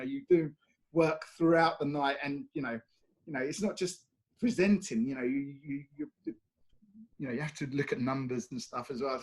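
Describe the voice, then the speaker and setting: A man's voice: mid-range voice, poor audio. A British man from the UK answering interview questions in a casual, chatty way, often dropping in "you know". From United Kingdom. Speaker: brand ambassador interviewed.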